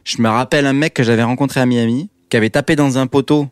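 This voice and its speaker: Un homme qui raconte une aventure personnelle dans un podcast, de façon vivante et dramatique, avec un langage familier. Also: male voice, mid-range voice, fast talker, clean tone, dry recording, clean studio sound. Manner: lively, dramatic, casual slang. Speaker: podcast guest telling his story. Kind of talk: personal storytelling.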